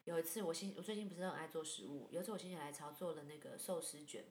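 Fast-talking woman telling a story in a roomy echo. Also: low voice. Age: 30s. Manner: animated storytelling, acts out quoted lines. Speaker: podcast co-host. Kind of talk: casual chat. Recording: roomy echo with faint background hum.

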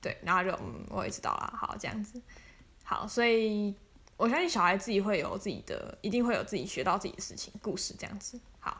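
A woman's voice: medium pitch, expressive, fast, fairly bright tone, husky. A woman, casually telling stories as a podcast host, chatty and laughing often. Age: 20s. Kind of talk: casual storytelling monologue.

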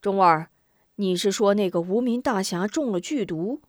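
A woman's voice: mid-range voice, moderate pace, no room sound, studio quality, natural voice. A woman voicing an elderly grandmother who asks firm, probing questions.

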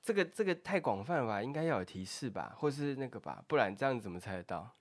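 A man's voice: mid-range voice, big pitch swings, quick pace, no echo, studio quality. A man with a Taiwanese accent bantering casually as a co-host.

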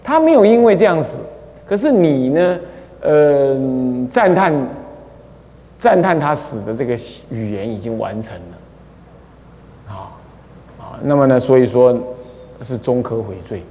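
A man, a Buddhist abbot teaching a class on the precepts, talking in a chatty way with many drawn-out "ah" fillers and small chuckles. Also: medium pitch, animated, mellow. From Taiwan. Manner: chatty, full of drawn-out "ah" fillers, chuckles at his own anecdotes. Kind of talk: dharma lecture explaining a scripture. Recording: long hall reverb.

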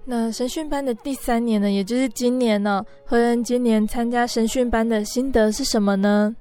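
A woman interviewer asks her guest questions. Her voice is on the high side and very mellow in tone, with music playing behind it. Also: steady tone, moderate pace. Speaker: interviewer, host. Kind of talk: radio-style interview, brief prompts.

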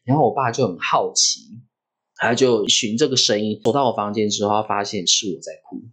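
A man, hosting a podcast and telling a story in a vivid, animated way. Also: on the low side, fairly quick, breathy edge. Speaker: podcast host.

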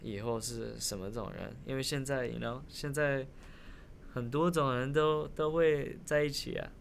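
A man's voice: mid-range voice, steady tone, normal speed, vocal fry, a little hiss or hum. A man, native in Taiwanese Hokkien, speaking Mandarin like a foreigner in a casual podcast chat, searching for words and mixing in English. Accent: foreign accent in Mandarin. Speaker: podcast guest.

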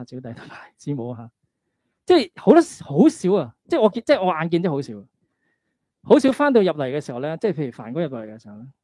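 A man's voice: a little high, warm tone, dry recording, studio quality. A man with a Hong Kong Cantonese accent preaching conversationally as a pastor, exhorting listeners with rhetorical questions and check-in tags. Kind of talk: conversational sermon with scripture readings.

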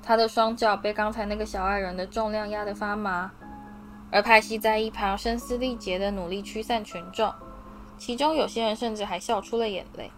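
A woman narrating a fantasy novel as an audiobook reader, in a steady, expressive reading voice. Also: medium pitch, fairly quick, faint music behind. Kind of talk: storybook narration.

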